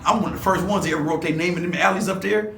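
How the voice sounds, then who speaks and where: Speaking fast with a high, fairly bright voice, a man in his sixties from Los Angeles recalls old times as an interview guest, rambling in street slang and restarting often. There's slight background noise, an echoey room and a mic at a distance.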